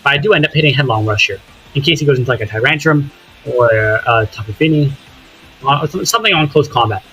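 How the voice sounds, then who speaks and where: A man's voice: medium pitch, animated, fast talker, pushed and bright, soft background music, poor audio. A young man casually talking through his own game, thinking aloud and swearing now and then. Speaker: gaming commentator. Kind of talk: casual commentary over gameplay footage.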